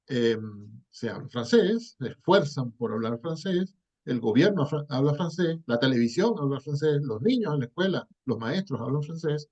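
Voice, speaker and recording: A man's voice: fairly high pitch, darkish tone, dull audio. A man giving an online lecture over a video call, digressive and full of fillers and self-corrections. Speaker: Spanish language history lecturer.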